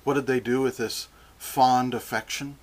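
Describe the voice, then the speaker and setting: An older man preaching a sermon, slow and deliberate, often restarting his phrases. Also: medium pitch, fairly even intonation.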